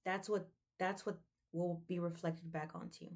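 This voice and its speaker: A young woman talks earnestly to her viewers, her voice sitting a little low. She preaches in a casual, chatty way, with "like" and "um" scattered through her sentences. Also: little pitch movement, normal speed, a little mellow. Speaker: vlogger. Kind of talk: casual motivational talk.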